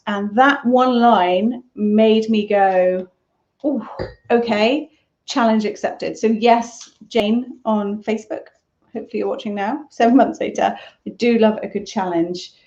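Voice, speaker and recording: A woman's voice: mid-range voice, measured pace, darkish tone, muffled recording. A woman hosting a casual crochet Q&A live stream from home, chatty, rambling and self-deprecating. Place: at home, on a sofa.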